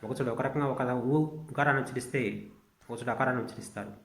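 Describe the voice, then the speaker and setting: A man teaching Sanskrit in a lecture, reciting verse lines slowly and then explaining them at length. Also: mid-range voice, fairly bright tone, echoey room.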